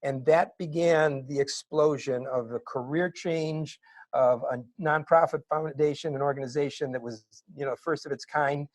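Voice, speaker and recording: A middle-aged man telling his story as an interview guest, animated and building to excited bursts. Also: on the high side, moderate pace, dry recording. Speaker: interview guest, wig maker.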